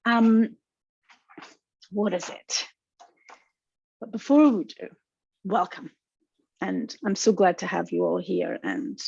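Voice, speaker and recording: In a lowish, gravelly, husky voice with a strong Scottish accent, a counsellor presents a webinar, speaking directly to her audience in a warm, reassuring way. The audio is dull, dry, and lo-fi, with no room sound.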